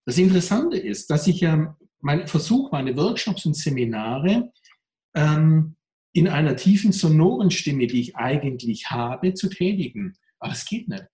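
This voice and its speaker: A man's voice: fairly high pitch, sing-song, moderate pace, mellow, reverberant. Candid man with a pressed, tense voice. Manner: candid, reflective, emphatic. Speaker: mental trainer. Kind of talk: interview answers.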